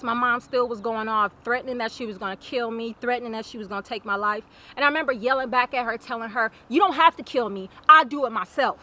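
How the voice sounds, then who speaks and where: A woman's voice: on the high side, bright, forceful tone. A young woman recounting her own life in an earnest, plainspoken personal testimony, repeating phrases for weight. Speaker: survivor telling her own story.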